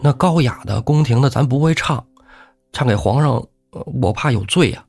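A man's voice: mid-range voice, normal speed, a little mellow, breathy edge, faint music behind, voice pushed up. A man voicing a humble, deferential young male servant in a storytelling show. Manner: earnest, deferential.

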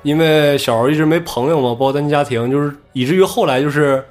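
A man casually telling a story from his own life on a podcast, animated and acting out what others said. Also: fairly high pitch, fast, faint music behind. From Inner Mongolia.

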